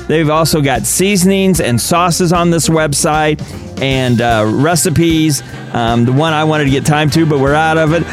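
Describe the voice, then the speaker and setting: A middle-aged man co-hosting a radio talk show, chatting casually and joking with quick asides. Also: fairly high pitch. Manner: jokey, laughing, quick asides.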